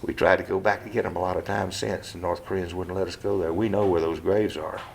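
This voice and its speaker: Halting, blunt older man in his seventies. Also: sits low, steady tone, creaky, a little mellow, slight background noise. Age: 70s. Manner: halting, with frequent restarts and "uh"s; plain-spoken and blunt, with mild cursing. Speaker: veteran being interviewed. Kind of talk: casual oral-history interview. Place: living room of his home.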